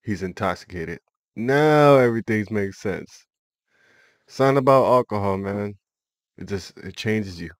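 A man's voice: on the low side, lively intonation, measured pace, no room sound, clean studio sound. Laid-back man reacting with slang. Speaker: reaction video host. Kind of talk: casual reaction commentary.

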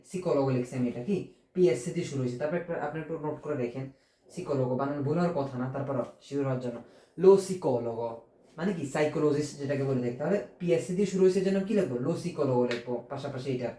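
A Bengali-speaking man teaching Italian grammar, explaining step by step with many rhetorical questions and repeating words slowly. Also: a little high, warm tone, reverberant. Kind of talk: informal online language lesson.

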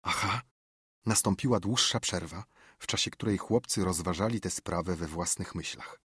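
A man narrates an audiobook in a low, husky voice with a measured, atmospheric delivery. The close studio recording is dry, with no room sound around the voice. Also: dry recording. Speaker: audiobook reader. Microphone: close studio microphone.

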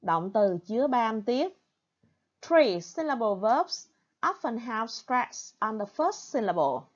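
A woman's voice: on the high side, big pitch swings, muffled recording. A woman English teacher with a Vietnamese accent, giving an online lesson and repeating each point in Vietnamese. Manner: careful, slow delivery.

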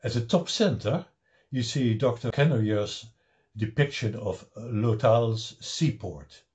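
This is a deliberate, unhurried slide lecture by an older Dutch-accented man about a paper he wrote, with wry asides, captured on a home webcam. The mid-range voice is expressive and slightly mellow.

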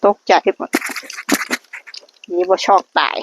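Speaking slowly, a woman with a Northeastern Thai Isan accent offers blessings and luck advice at a temple. She's a vlogger leading lottery luck prayers in a casual way, earnestly addressing viewers as brothers and sisters, captured on a dull lo-fi recording with faint noise.

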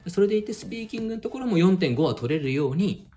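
A man hosting a podcast in a relaxed advice chat, talking quickly with a lively, swinging pitch. He lays out study steps one by one and pads pauses with small hesitations. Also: soft background music. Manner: explains step by step with many fillers. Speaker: podcast host and language mentor.

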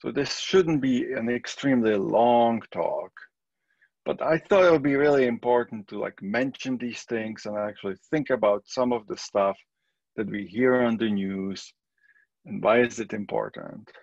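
A middle-aged man from the Czech Republic with a Czech accent, giving a relaxed, conversational recorded statistics lecture. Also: mid-range voice, unhurried, creaky, dry recording, lo-fi sound. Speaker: statistics professor.

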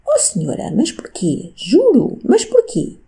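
A woman voicing a worried, loyal maid in an audiobook, anxious and imploring, rising high when alarmed. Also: wildly swooping pitch, unhurried, dark tone, slightly rough, full character voice.

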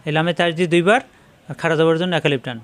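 A Bengali-speaking man gives a patient recitation lesson, breaking words into syllables and stretching them out as he demonstrates. His voice sits a little higher than most men's. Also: smooth. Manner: slow, drawn-out syllables when modelling recitation. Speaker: Quran recitation teacher. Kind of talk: step-by-step spelling and pronunciation lesson.

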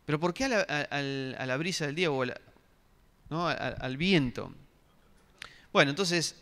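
A middle-aged pastor delivers an interactive sermon in a church hall, questioning the congregation and restarting often. His voice is a little high, bright, and forceful, animated at a moderate pace, and the hall's long reverb fills the recording.

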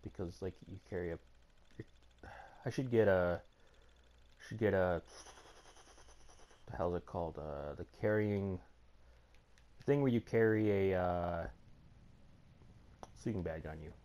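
Low-voiced, rambling, cursing young gamer guy. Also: unhurried, pauses often, dark tone. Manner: rambling, swears often, mutters to himself. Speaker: let's play gamer. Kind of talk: casual gameplay commentary.

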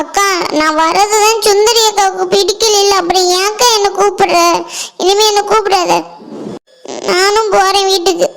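In a cartoon, a hurt village woman, voiced by a woman, protests her innocence. Her voice is very high and plaintive, and she sulks when she is rebuffed. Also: fairly even intonation, normal speed, gravelly, a bit bright, full character voice. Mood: sulky. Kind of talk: cartoon voice acting.

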